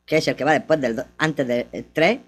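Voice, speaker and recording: A Spanish man co-hosts a comic radio show at a quick pace. He stumbles and restarts his words often. He plays up muddled misunderstandings as he reads out historical dates. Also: fairly high pitch. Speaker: radio comedy co-host.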